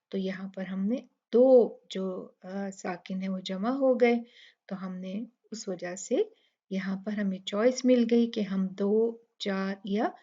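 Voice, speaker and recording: A woman's voice: medium pitch, mellow, highs cut off. A woman teaching Quran recitation rules, patiently explaining each word and demonstrating it aloud. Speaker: tajweed teacher. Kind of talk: step-by-step recitation lesson.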